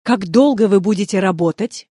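A woman repeating example sentences calmly and carefully for a language course. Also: medium pitch, normal speed, husky, dry recording, studio quality. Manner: calm, careful enunciation. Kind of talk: scripted phrase reading.

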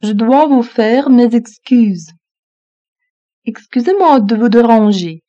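A woman reads phrases aloud slowly, repeating each one evenly. Her voice is mellow and a little high. The recording sounds dull and lo-fi. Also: lively intonation. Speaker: French phrase reader. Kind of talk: slow repeated phrasebook reading.

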